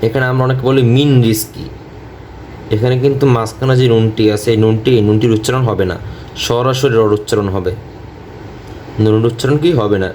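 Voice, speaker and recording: A man teaching Quran recitation step by step, explaining pronunciation rules patiently and repeating syllables slowly for learners to copy. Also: lowish voice, steady tone, a little mellow, a little hiss or hum.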